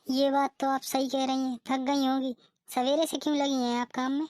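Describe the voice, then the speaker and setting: Woman doing a sassy cartoon younger sister-in-law, high voice, talks back, dry sound. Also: level tone, moderate pace, a little mellow, no room sound, natural voice. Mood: easygoing. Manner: sassy, retorting. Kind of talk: cartoon voice acting.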